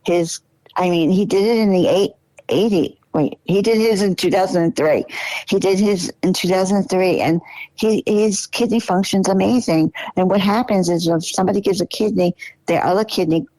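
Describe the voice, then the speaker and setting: A woman's voice: medium pitch, normal speed, dark tone, dry recording, rough recording. A woman in her sixties, a podcast guest in casual conversation, chatty and often repeating phrases or trailing off mid-sentence. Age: 60s.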